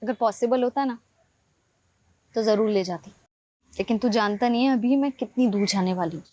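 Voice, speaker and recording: A young actress playing a gentle, caring elder sister about to marry, speaking softly and reassuringly in a TV crime drama. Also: female voice, a little high, normal speed, natural voice. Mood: tender. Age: young adult. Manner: soft, reassuring, affectionate.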